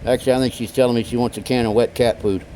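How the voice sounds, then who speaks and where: Speaking fast and mellow at a medium pitch with a steady tone, a middle-aged American man casually explains radio tips as a hobbyist working at an indoor wooden workbench. He's folksy and informal, and the poor audio carries a little hiss or hum.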